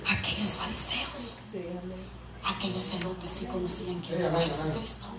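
A woman giving a fervent sermon testimony, going from quiet storytelling to shouted preaching. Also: lowish voice, normal speed, a loud crowd. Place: church hall. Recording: echoey church PA from far off. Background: music and congregation.

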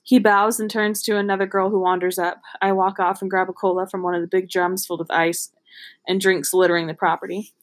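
A woman's voice: medium pitch, flat delivery, a little fast. A woman reading a novel aloud in an amateur, casual way, giggly and breaking off to joke and comment. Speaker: podcast host reading a book aloud.

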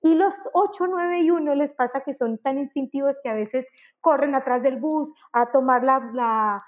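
A woman explaining personality types in a conversational interview, animated and acting out examples. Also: sits high, moderate pace, highs cut off. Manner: animated, acts out examples with exclamations. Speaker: enneagram guest expert.

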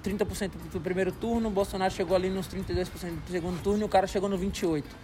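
High-pitched, fast-talking man. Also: fairly even intonation, noisy background. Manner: repeats phrases emphatically. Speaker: podcast co-host. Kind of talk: casual slangy chat.

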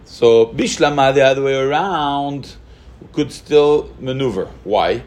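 A man's voice: mid-range voice, animated, measured pace, a little mellow. A man teaching a halachic lesson, thinking aloud with rhetorical questions and mixing Hebrew terms into his English. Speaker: Torah teacher. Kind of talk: halachic lecture.

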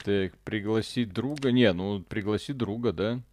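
A man's voice: on the low side, unhurried, darkish tone. Man muttering through a gaming stream. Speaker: streamer playing a game. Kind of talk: casual gaming stream chat.

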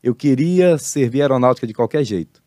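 A man's voice: medium pitch, quick pace, no room sound. An older man from Brazil recounts his life as a pastor and former marine. He tells it at an easy interview pace but lands the key lines like a preacher. The sound is close and dry, with no room around it. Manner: animated testimony, preacherly emphasis. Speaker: pastor and retired marine, guest. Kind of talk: casual interview storytelling.

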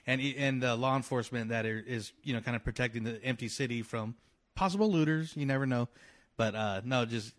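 A man's voice: mid-range voice, a little fast, no room sound. A man co-hosting a casual podcast, talking in an easygoing, rambling way. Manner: easygoing, rambling shout-outs. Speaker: podcast co-host. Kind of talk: casual chat.

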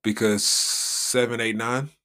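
A man's voice: medium pitch, level tone, takes it slowly, pushed and bright. An American man co-hosting a podcast, chatting casually and telling anecdotes in slangy speech, acting out the dialogue. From United States. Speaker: podcast co-host.

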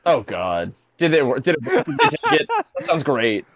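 A man's voice: on the high side, wildly swooping pitch, moderate pace, breathy edge, dry recording, lo-fi sound. A man co-hosting a podcast in casual chat, easygoing and agreeable, with many fillers. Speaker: podcast co-host.

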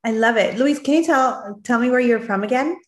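A woman's voice: a little high, a little fast. A woman hosting a motivational interview, speaking in an encouraging way. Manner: encouraging, addresses listeners as fellow moms. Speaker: show host. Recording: roomy, echoing sound.

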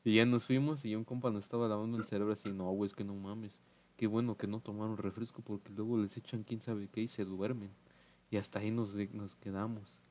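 A man's voice: fairly low pitch, level tone, brisk, a little mellow. A young man with a Mexican Spanish accent, hosting a podcast and telling a story in slangy casual chat, acting out quotes in raised voices.

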